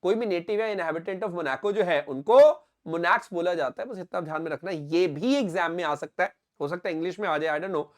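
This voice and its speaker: A man's voice: sits high, moderate pace, hardly any pauses. Indian man teaching an exam-prep lesson. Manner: explains step by step, often asks if it is clear, mixes in English phrases. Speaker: current affairs teacher.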